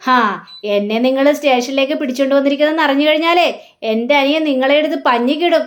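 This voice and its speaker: A woman's voice: sits high, fast talker, natural voice. A woman voicing a defiant young man in custody, boasting and threatening the police.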